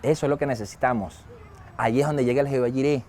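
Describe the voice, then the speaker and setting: A man preaching a sermon as pastor, lively and acting out quoted dialogue. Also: mid-range voice, quick pace. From Venezuela. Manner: lively, acts out quoted dialogue and chuckles often.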